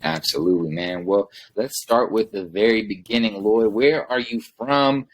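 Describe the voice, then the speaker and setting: A man's voice: on the low side, moderate pace, rough recording. A man hosting a podcast, friendly and casual, calling his guest brother. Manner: warm-up hype, friendly, calls guest brother. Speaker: podcast host.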